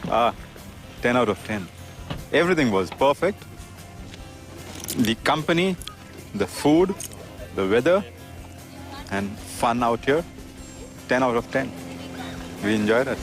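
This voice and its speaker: Relaxed, contented father. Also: medium pitch, takes it slowly, long pauses, soft background music. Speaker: father at a playground. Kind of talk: casual interview.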